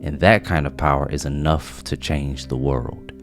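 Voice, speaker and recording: A man narrating a scripted video essay in a measured, reflective way. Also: very deep voice, steady tone. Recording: faint music behind voice.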